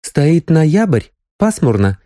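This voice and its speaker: A man's voice: on the high side, sing-song, normal speed, warm tone, no echo, clean studio sound, pitched above the performer's own voice. A man voicing an anxious, insistent young woman doctor in an audiobook, pressing her questions. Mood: accusing. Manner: pleading, pressing.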